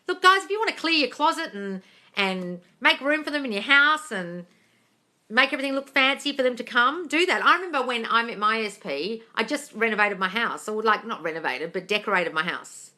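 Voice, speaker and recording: This English manifesting coach hosts a casual phone livestream, speaking a little fast in a bright, forceful voice on the high side with lively intonation. She reads out chat questions and answers them bluntly, swearing freely and calling viewers darling.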